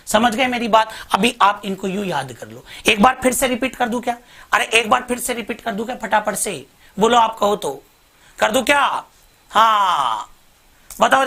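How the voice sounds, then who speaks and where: A man teaching an online exam-prep lesson, drilling viewers with repeated mnemonics. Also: sits high. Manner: lively, repetitive drilling, addresses viewers as bhai sahab.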